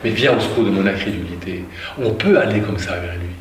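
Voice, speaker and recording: A man's voice: lowish voice, a little fast, slight background noise. A man preaching a sermon, reading scripture aloud and commenting with questions to his listeners. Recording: roomy, from far off, faint ambience.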